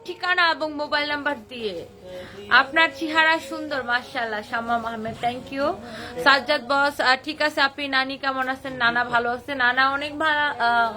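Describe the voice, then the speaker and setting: Young woman doing a live sari sale, super excited, high voice, kinda far from the mic. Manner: excited, gushing over colors. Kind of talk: live shopping stream.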